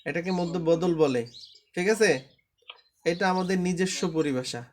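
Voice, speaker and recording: A man with a Bangladeshi Bengali accent leads an online Quran reading class in a high voice. He drills the rules patiently, chanting each line so students can repeat it back. A faint noise sits behind him. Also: normal speed, a little mellow.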